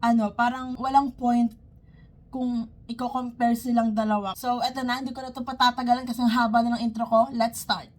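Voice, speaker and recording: A woman's voice: fairly high pitch, level tone, a little fast, slight background noise. A young woman with a Filipino accent, chatting casually and gushing as she hosts a video reacting to a performance. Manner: chatty, gushing, exclaims loudly. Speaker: reaction channel host. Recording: loud music playing behind.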